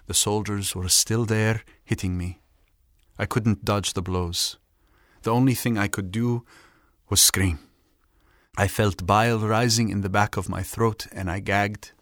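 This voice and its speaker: Low-voiced man narrating a grave memoir. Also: no echo, studio quality. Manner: measured, grave, steady storytelling. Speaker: audiobook narrator. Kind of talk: scripted first-person memoir narration.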